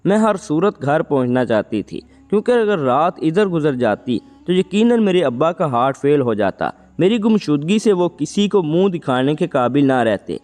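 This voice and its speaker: Expressive male storyteller with reverb. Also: fairly high pitch, few pauses. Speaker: narrator. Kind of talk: storytelling narration. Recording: long reverb, faint background music.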